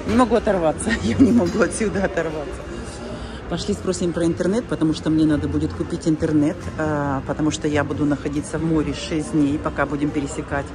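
In this walking vlog, an older woman with a deep voice talks fast as she carries a handheld camera through a cruise ship's large indoor atrium and shopping halls. Gushing and exclaiming often, she reacts excitedly to everything she sees, and the busy space adds background noise of music and crowd chatter.

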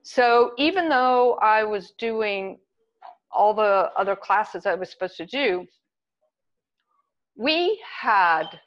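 A woman artist answering interview questions in a measured, conversational way, with small laughs. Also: mid-range voice, lo-fi sound.

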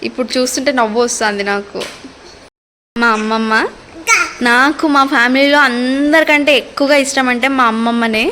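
A woman's voice: a little high, fairly even intonation, a little fast, noisy background. A young adult woman chatting casually in a family vlog, reminiscing with playful asides. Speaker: family vlogger.

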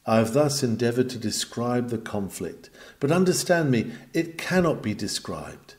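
Reading an old sermon in the manner of a preacher, this man uses a medium pitch, lively intonation and a moderate pace. His delivery is dramatic, rising to emphatic peaks on the climactic lines.

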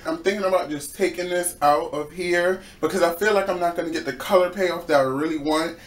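In an echoey small bathroom with a little background noise, a young man records a casual how-to vlog about a DIY project at home. He speaks briskly at a fairly high pitch. As a DIY vlogger, he stays chatty and throws in playful asides.

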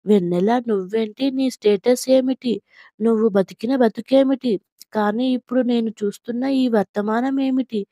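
A woman's voice: fairly high pitch, moderate pace, warm tone, no echo, studio quality, lightly acted. A woman voicing a grieving man who anxiously questions a woman he thought lost, in a storybook reading. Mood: sorrowful.

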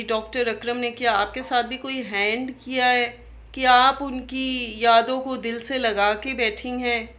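This woman's voice is on the high side with a sharp tone as she, a YouTuber in her thirties from Pakistan, rants at another vlogger. Her indignant video diary is full of pointed rhetorical questions and was shot on a phone at arm's length in her living room at home.

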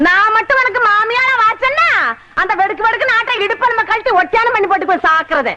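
A woman's voice: very high-pitched, quick pace, dry recording, lo-fi sound. An actress playing a quarrelsome old village woman with a Kongu Tamil accent, scolding and threatening in a film comedy. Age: older. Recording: loud hiss on an old film soundtrack.

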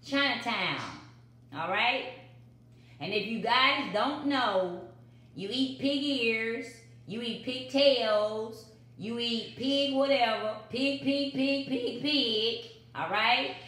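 A woman's voice: on the high side, slow pace, a bit bright. Middle-aged woman, chatty cooking vlogger, phone mic on counter, roomy kitchen echo. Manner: chatty, repeats catchphrases to viewers. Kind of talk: casual home cooking vlog. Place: home kitchen. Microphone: built-in phone mic on the counter. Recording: echoey kitchen.

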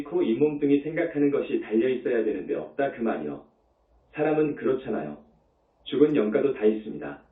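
Man, Buddhist monk, dharma talk, emphatic, repeats himself, rhetorical questions, animated pitch, echoey room. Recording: tinny, echoey, distant.

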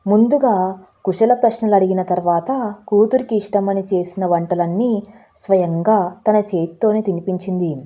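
A woman storyteller narrating a scripted story in a steady, emotive way. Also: medium pitch, normal speed.

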